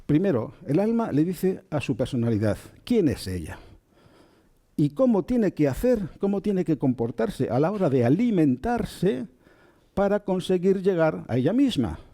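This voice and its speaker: Gentle man with a dark, mellow voice. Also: high-pitched, very animated. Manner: slow and gentle, checks in with listeners. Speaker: spiritual teacher. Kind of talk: calm spoken lecture on Kabbalah.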